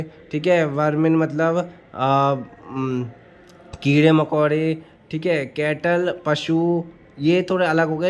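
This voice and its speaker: Male grammar teacher, slightly high voice, walks through rules and quizzes himself as he goes. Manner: explains step by step, asks and answers his own questions; often says "ठीक है" between points. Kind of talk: exam-prep grammar lesson.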